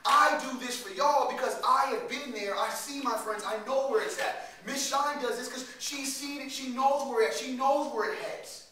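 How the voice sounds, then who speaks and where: A man telling a story to young people at a workshop, in an animated, slangy way with laughs. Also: very high-pitched, normal speed, hardly any pauses. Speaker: workshop speaker for youth. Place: workshop room. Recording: echoey room, distant mic.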